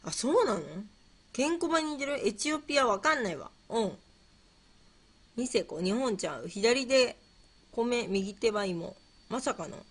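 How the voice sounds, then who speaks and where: Speaking at a moderate pace, a woman with a somewhat high, animated voice and a breathy edge runs a relaxed livestream. She goofs her way through quiz questions, talks with her audience, wonders aloud, and repeats herself.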